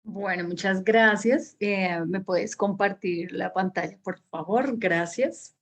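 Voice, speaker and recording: A woman's voice: mid-range voice, takes it slowly. A woman with a Colombian accent teaching an online public speaking workshop over a video call, conversational and encouraging, with many fillers. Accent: Colombian Spanish.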